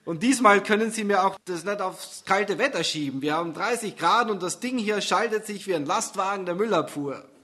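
A man voicing a grumpy, oblivious man who mutters gruffly about his car troubles. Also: sits high, normal speed, few pauses, sharp tone, voice pushed up. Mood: grumbling.

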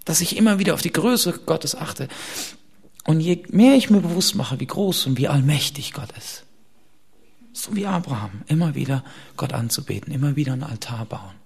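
A man preaching a sermon to his congregation, dropping to hushed whispers and rising to loud emphatic peaks. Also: a little high, expressive, moderate pace, vocal fry, slightly rough. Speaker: pastor.

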